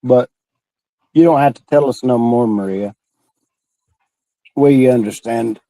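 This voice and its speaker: Very mellow, slow man. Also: mid-range voice, no echo, low-quality recording. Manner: folksy, reassuring. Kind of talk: casual chat.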